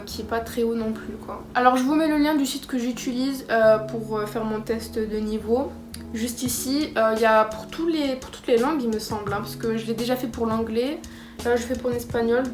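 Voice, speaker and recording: Chatty young woman, roomy echo, music. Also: on the high side. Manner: chatty, self-mocking, excitable. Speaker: vlogger tracking her language learning. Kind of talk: casual chat to camera.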